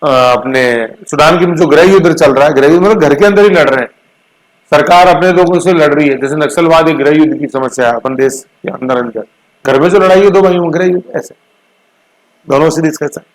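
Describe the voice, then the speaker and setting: A male teacher giving an exam coaching lecture on current affairs, mixing English terms into his explanations and drawing words out slowly to drill pronunciation and spelling. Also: a little high, low-quality recording. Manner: addresses students with homely asides.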